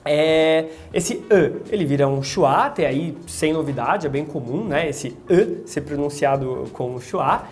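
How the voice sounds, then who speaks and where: A woman teaching English pronunciation, explaining sounds and repeating them slowly to demonstrate. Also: low voice, a little mellow, faint music behind. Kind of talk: explanatory lesson narration.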